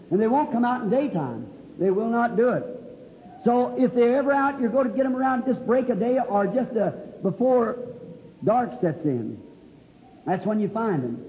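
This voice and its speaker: Preacher guy telling a story, real high voice, dull old recording. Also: echoey room, big-room sound. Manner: folksy storytelling, rural dialect grammar. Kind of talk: sermon with a told story.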